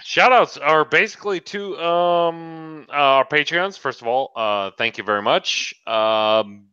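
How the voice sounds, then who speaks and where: A man's voice: on the high side, unhurried, clear, resonant tone, no room sound. A man co-hosting a radio show, bantering casually with lots of swearing. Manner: brash, swearing, animated. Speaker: podcast co-host. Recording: muffled lo-fi sound.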